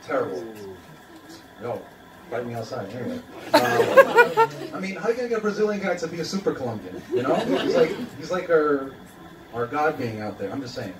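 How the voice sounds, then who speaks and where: A young man from Queens, New York, does a stand-up set on a small indoor open-mic café stage, dry and self-mocking with plenty of ums and uhs. His fairly high voice swings hugely in pitch at a moderate pace. Filmed from the audience while he uses a handheld mic, the phone recording is roomy, distant and noisy, with laughter and room noise behind him.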